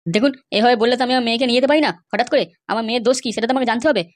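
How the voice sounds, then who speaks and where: A blustering older father in a cartoon who threatens to round people up, as a woman puts him on. The voice sits deep and is delivered fast. The recording is dry and close. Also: steady tone, no echo, lightly acted. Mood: angry. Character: angry older man, a bride's threatening father.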